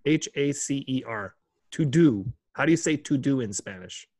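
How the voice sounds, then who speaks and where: Lively, husky-voiced man hosting a casual chat. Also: medium pitch, normal speed, no echo. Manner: curious, playful, stumbling over Spanish words. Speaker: host. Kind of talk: casual chat reading from an article.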